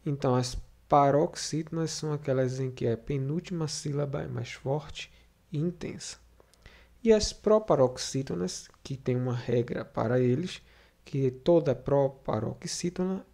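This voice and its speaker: A man's voice: medium pitch, mellow. A man teaching a Portuguese grammar video lesson to sixth graders, explaining step by step with recaps and frequent fillers.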